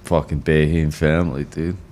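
Low-voiced frat-bro sports bettor, a man. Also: little pitch movement, normal speed, darkish tone, a little hiss or hum. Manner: frat-bro banter, slangy and profane, repeating hype phrases. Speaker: sports betting show panelist. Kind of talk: casual betting chat.

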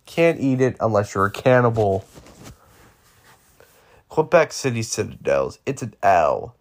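A man's voice: on the low side, sing-song, measured pace. A man in his twenties hosting a solo podcast, rambling offhand with jokey asides. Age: 20s. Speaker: podcast host.

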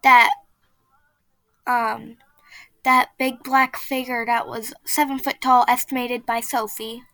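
A high, bright-voiced woman hosts a casual podcast and reads a spooky story aloud. She is chatty and excitable and keeps breaking into giggles. Her voice sounds dry and close. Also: slow pace, dry recording. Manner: giggly, often breaks into laughter. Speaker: podcast host.

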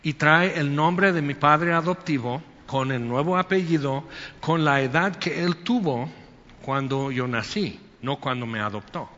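A man's voice: on the high side, unhurried, pushed and bright, lo-fi sound. Man preaching in an echoing hall. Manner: conversational, acts out quotes and asides. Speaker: pastor. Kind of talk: sermon.

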